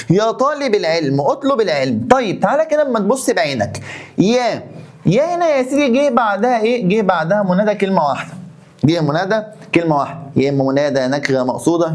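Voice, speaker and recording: A man's voice: high voice, a little mellow. A man with an Egyptian accent teaching an Arabic grammar lesson, asking and answering his own questions and repeating key terms. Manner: coaxing, talks straight to the student.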